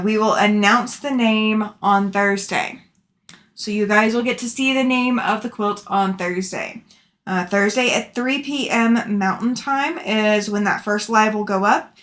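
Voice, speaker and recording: Casting: woman, mid-pitched voice, affectionate and chatty, informal livestream host replying to comments. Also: a bit bright. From Alabama, southern US. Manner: chatty, affectionate with viewers, laughs often. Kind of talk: casual chat, reading out and answering live comments.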